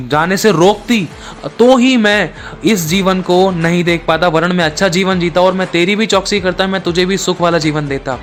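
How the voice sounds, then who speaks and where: Man acting as a condemned son, bitter and accusing, pitched up, louder, insistent. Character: condemned young man blaming his mother.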